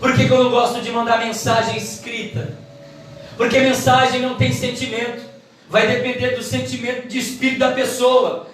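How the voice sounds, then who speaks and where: A woman gives a church Bible lesson with quick, emphatic, preacherly delivery. Her voice comes from some way off the mic, and a big, ringing room echo surrounds every word, with faint background hiss underneath. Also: on the high side, level tone. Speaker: Bible teacher. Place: church hall. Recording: echoey hall, mic from far off.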